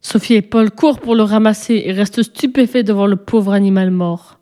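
A woman narrating a children's storybook in a calm, even storytelling manner. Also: mid-range voice, normal speed.

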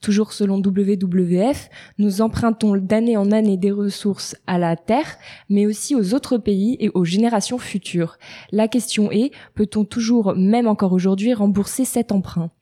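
A woman's voice: medium pitch, normal speed, warm tone. A woman hosting a radio talk show, reading a scripted segment and then chatting with her guests. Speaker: radio host.

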